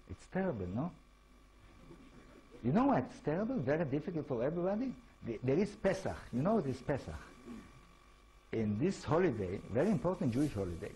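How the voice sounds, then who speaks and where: Israeli guy lecturing in english, lots of "no?" questions to the crowd, mellow voice, faint room noise. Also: on the high side, rough recording. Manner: lively, asks the audience rhetorical questions. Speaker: author giving a talk.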